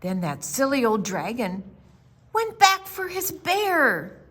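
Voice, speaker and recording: A woman with a fairly high voice reads a rhyming picture book to children. She takes it very slowly, leaning on key words and pausing for drama. Her delivery is expressive and theatrical, like a librarian at storytime. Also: slightly rough. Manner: theatrical, with dramatic pauses, gasps and emphasis.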